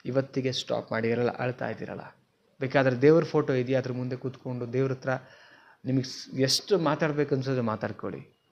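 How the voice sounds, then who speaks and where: A man with a Kannada accent gives a motivational talk straight to camera. He is earnest and keeps asking his viewers questions. His middle-pitched voice comes through a cheap, dull-sounding home mic. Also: steady tone, quick pace. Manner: earnest, questions the viewer, mixes in English words. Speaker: motivational speaker. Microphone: simple mic, not professional.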